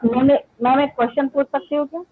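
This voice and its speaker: A woman's voice: high voice, steady tone, brisk, narrow, tinny audio, noisy background. A woman student asking her teacher a question in class, hesitant and searching for words.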